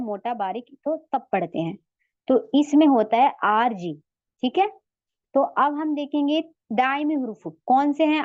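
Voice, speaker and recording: A woman's voice: fairly high pitch, no room sound, dull audio. A woman teaching a recorded online lesson, patiently repeating each sound several times and checking in with her learners as she explains. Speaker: Tajweed teacher.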